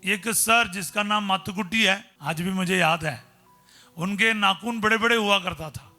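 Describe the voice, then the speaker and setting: Man, priest, middle-aged, storytelling sermon, very sharp bright tone. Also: high voice, unhurried, soft background music. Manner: storytelling preacher, simple conversational Hindi, exclaims hallelujah. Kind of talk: sermon with personal stories.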